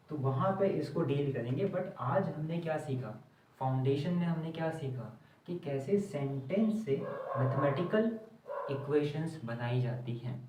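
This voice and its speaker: A male maths teacher, explaining word problems slowly and deliberately and reading phrases out word by word as he writes. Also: on the high side, warm tone, slight background noise. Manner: slow, deliberate, reads English phrases word by word while writing on a board. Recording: echoey distant classroom recording, dull and lo-fi.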